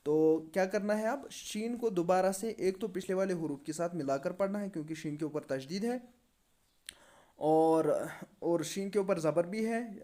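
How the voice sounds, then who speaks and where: A patient man teaches Quran recitation in a step-by-step tajweed lesson, repeating letters and putting questions to the class. His voice sits high with a dark tone.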